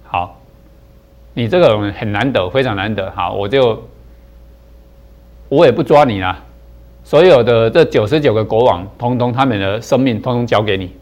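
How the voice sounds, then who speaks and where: A man's voice: lowish voice, normal speed, long pauses, darkish tone, lightly acted. A man voicing a huge, stern golden-winged bird that captures kings, speaking bluntly and scoldingly. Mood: approving.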